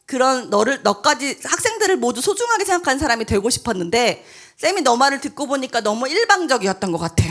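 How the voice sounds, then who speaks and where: A woman doing a gentle, soft-spoken teacher. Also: a little high. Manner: soft, slow and sincere. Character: gentle, remorseful elementary school teacher. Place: church hall at a youth retreat.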